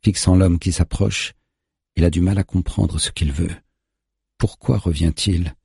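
Deep, husky man narrating a thriller. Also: dry recording, studio quality. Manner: steady, tense storytelling. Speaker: audiobook narrator.

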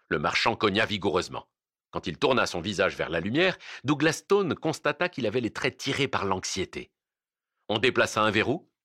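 A man narrating an audiobook in an expressive, dramatic reading on a close mic. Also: lowish voice, no room sound.

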